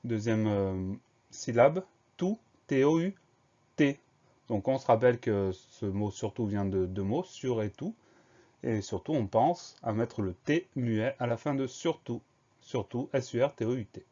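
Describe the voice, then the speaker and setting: A man's voice: mid-range voice, lively intonation, measured pace, mellow, highs cut off. A man teaching a spelling lesson, explaining each word patiently and spelling it out letter by letter.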